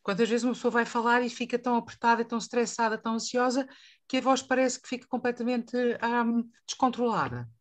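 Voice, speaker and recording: Expressive Portuguese woman voice teacher. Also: a little high, fairly quick. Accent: European Portuguese. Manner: expressive, asks the group questions. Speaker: voice teacher and moderator. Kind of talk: panel discussion.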